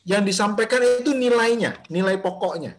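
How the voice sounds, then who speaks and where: A pastor teaches a Bible study over a video call, speaking directly to the group in a slightly high voice. He talks loosely and conversationally, with fillers and restarts. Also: moderate pace. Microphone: video call microphone.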